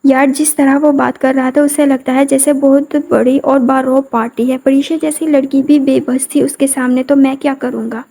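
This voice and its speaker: A woman's voice: sits high, flat delivery, hardly any pauses, mellow. A woman reading the lines of a nervous young man in a scripted audio novel, sounding worried and dismissive.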